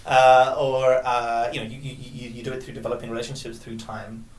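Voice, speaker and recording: A man's voice: medium pitch, little pitch movement, brisk. A man from the UK working as a machine learning engineer, talking casually, laughing often and repeating words while he thinks. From United Kingdom. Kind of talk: casual conversation. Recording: echoey room, faint background noise.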